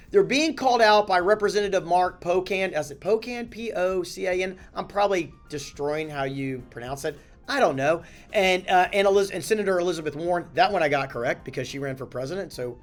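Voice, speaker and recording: A man, a company chief, giving a casual, animated talking-head lesson on handling crises, blunt and self-correcting. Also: high voice, brisk, faint music behind. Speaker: company CEO teaching communication.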